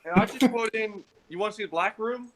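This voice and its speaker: Mock Chinese-accented parlor host, played by a man on a call, pushy and high. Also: fairly quick, a bit bright, a little hiss or hum, poor audio. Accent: put-on Chinese.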